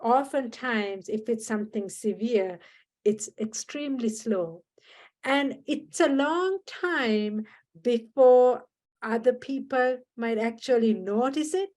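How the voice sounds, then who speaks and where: A woman from Sri Lanka, talking in an earnest, measured way as a guest in a reflective podcast conversation, often restarting her sentences. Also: a little high, darkish tone.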